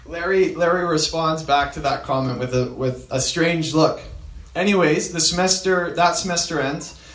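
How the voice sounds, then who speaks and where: Male storyteller, slightly high voice, halting delivery with fillers, roomy echoey sound. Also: fairly bright tone. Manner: halting, with frequent fillers and restarts. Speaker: speaker retelling a story. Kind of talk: storytelling talk.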